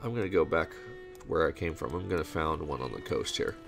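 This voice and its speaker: A low, gravelly-voiced man talks his way through a strategy game, rambling and thinking aloud with the odd sarcastic aside. He is on a home desk mic without a pop filter, and soft game music plays faintly behind him. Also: lively intonation, fairly quick. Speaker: gameplay commentator. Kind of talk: casual let's-play commentary.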